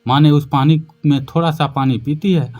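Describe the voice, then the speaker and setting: A man's voice: a little high, fairly even intonation, normal speed, a little mellow, faint music behind. A man telling a moral story in scripted narration, voicing the mother and son lines himself. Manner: acts out the son's and mother's lines.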